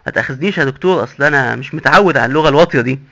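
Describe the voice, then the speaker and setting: A man's voice: medium pitch, racing, vocal fry, pushed and bright. A man with an Egyptian accent voicing a disgusted, frightened former king lost in hell, pleading and squeamish. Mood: fearful disgusted. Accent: Egyptian Arabic. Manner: squeamish, pleading, fearful exclamations. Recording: dull lo-fi recording.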